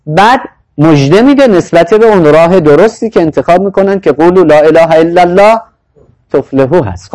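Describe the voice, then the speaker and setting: A man giving a sermon on Quranic verses, reciting the Arabic lines slowly and then explaining them in conversational speech. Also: high voice, darkish tone, low-quality recording. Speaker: Quranic lecturer.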